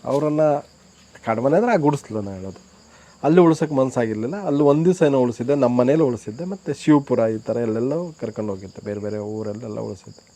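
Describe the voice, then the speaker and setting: A man's voice: medium pitch, fast talker, dark tone. A man who runs a homestay, earnestly telling stories of his guests in a casual interview. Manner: earnest, reflective storyteller. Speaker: homestay owner.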